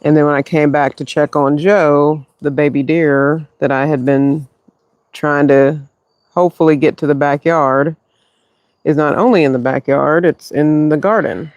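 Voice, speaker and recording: Softly murmuring man with a gravelly voice. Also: a little high, fairly even intonation, dry recording, lo-fi sound. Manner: quiet, halting, talking softly on purpose. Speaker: livestream host. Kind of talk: hushed live-stream chat. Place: backyard, outdoors. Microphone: phone mic.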